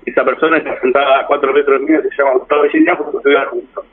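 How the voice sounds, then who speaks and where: Speaking rapid-fire in a mid-range, steady, slightly rough voice, an Argentine guest rambles through a casual conversation, often restarting sentences. The audio is narrow and tinny.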